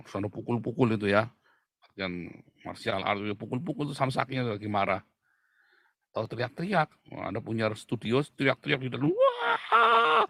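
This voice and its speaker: A middle-aged man preaching a casual, joking sermon, dropping to low murmurs and then shouting out loud. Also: creaky, no room sound, clean studio sound. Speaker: pastor.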